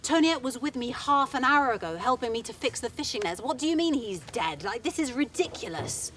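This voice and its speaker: A woman's voice: on the high side, animated, fairly quick, a bit bright, a little hiss or hum. A woman voicing a fisherman who stammers and questions, disbelieving, in a told folktale. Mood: puzzled. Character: puzzled fisherman husband.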